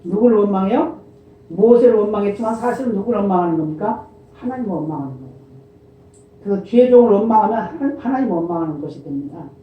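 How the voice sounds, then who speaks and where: A male pastor preaching a sermon, often asking the congregation questions and answering them himself, and reading scripture in a slow, formal cadence. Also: high voice, expressive. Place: church sanctuary. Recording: echoey church hall from far off, dull lo-fi sound.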